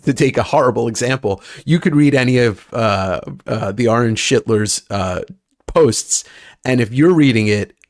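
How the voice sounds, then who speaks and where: A man hosts a casual podcast conversation, feeling his way into questions with fillers and restarts. His voice sits at an ordinary pitch. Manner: brief backchannels, halting questions. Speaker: podcast host. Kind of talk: casual interview chat.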